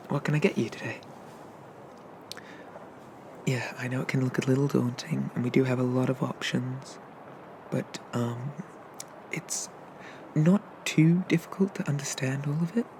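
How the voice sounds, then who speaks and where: A man voices a shy, friendly sea dragon barista in a soft-spoken ASMR roleplay, rambling and hesitating as he eagerly explains things. His mid-range voice stays close to an everyday one, and the background is noisy.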